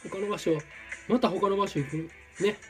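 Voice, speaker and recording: A man commentating his own gameplay, exclaiming and repeating words in quick bursts. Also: sits high, fairly even intonation, over music. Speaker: game streamer. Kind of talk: excited let's-play commentary.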